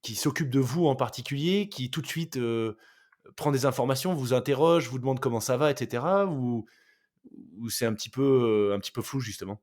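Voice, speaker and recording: A man's voice: mid-range voice, fairly quick, darkish tone. A man hosting a podcast, asking hesitant questions full of fillers. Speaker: podcast host. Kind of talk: interviewing.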